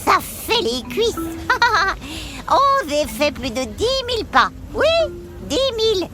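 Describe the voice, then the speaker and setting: A woman's voice: very high-pitched, big pitch swings, takes it slowly, music in the background, exaggerated voice. A woman voicing a cheerful, giggly female elf who tells stories to children, exclaiming often and hesitating with many fillers. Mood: excited. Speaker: children's storyteller. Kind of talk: children's story narration.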